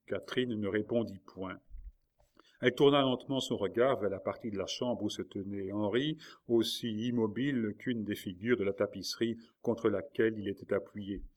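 Low-voiced man reading a novel. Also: darkish tone. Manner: dramatic, measured reading. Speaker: audiobook reader. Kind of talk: scripted narration of a novel.

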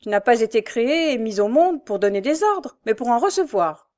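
A woman's voice: a little high, big pitch swings, moderate pace, a little mellow, pitched above the performer's own voice. Woman doing La Frochard, coarse old mother. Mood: grumbling. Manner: grumbling, coaxing.

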